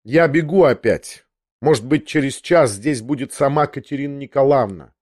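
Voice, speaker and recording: A man's voice: mid-range voice, normal speed, a little mellow, no echo, studio quality, close to an everyday voice. A man reading an audiobook, voicing an impetuous young man who speaks in earnest, insistent exclamations. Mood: passionate.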